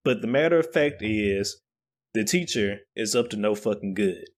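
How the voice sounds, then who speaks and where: A man's voice: on the low side, lively intonation, normal speed. A man co-hosting a casual anime podcast, recapping episodes with hype, swearing and laughing. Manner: hyped, boastful, laughs and swears. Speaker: podcast co-host. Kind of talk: casual anime review chat.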